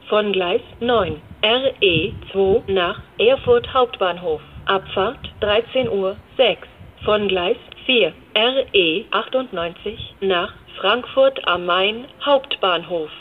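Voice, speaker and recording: A female station announcer delivers flat automated platform announcements at a slow pace. Her phrases are formulaic and pieced together. The recording is dull, with clear background noise behind her. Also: medium pitch.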